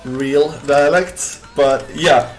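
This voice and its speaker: A man's voice: a little high, steady tone, extremely slow, faint music behind. A young man from Sweden with a Swedish accent, chatting casually on a game live stream, reading chat aloud with lots of fillers. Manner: rambling, reads chat aloud, many fillers.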